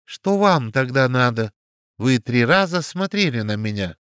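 A man voicing a rude, brash French police commissar who shouts insults at strangers. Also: medium pitch, sing-song, unhurried, no echo, clean studio sound, pitched above the performer's own voice. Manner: shouting, insolent.

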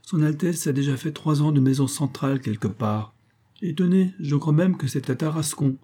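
A man's voice: a little high, moderate pace, dark tone, slightly rough, voice pushed up. A man reading the part of a jovial, mocking middle-aged sea captain in an audiobook. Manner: laughing, mocking, familiar.

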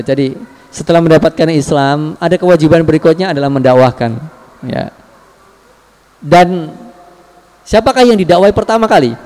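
A man giving a religious study lecture as a preacher. He reads Arabic passages and then explains them in a relaxed, chatty way, often turning to the audience. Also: a little high. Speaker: Islamic preacher. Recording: long hall reverb.

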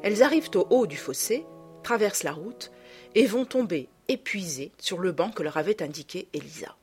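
A woman narrating a classic children's storybook in a measured, expressive reading. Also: fairly low pitch, husky, soft background music. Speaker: audiobook reader.

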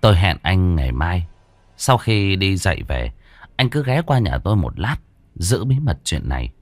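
A man reading a horror story aloud in a dramatic, expressive way. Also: low voice, normal speed, dry recording. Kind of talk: scripted horror story narration.

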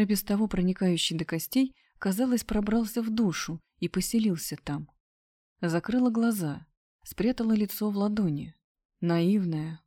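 A woman narrating a first-person story in a steady, subdued reading voice. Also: mid-range voice. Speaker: audiobook narrator.

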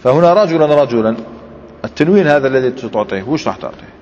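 A man teaching a grammar lesson, explaining step by step and quizzing his students with quick questions. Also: mid-range voice, animated, darkish tone, slight background noise. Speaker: Islamic scholar teaching Arabic grammar. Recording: dull lo-fi recording with long hall reverb.

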